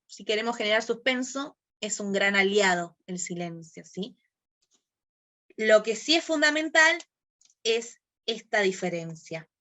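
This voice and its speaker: A woman's voice: medium pitch, sharp tone. A woman leading an online workshop on podcasting, explaining step by step, asking rhetorical questions and acting out short examples.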